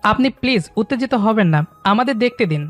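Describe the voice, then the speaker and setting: An actor playing a seasoned hospital doctor who speaks in a measured, professional way, mixing in English phrases, in an audio drama. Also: mid-range voice, expressive, faint music behind, close to an everyday voice. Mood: reassuring.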